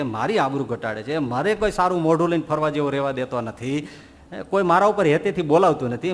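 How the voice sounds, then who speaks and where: A man preaching a sermon, telling animated stories and asking rhetorical questions. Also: a little high, in a large hall. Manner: animated storytelling, rhetorical questions, voices quoted figures. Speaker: Swaminarayan preacher.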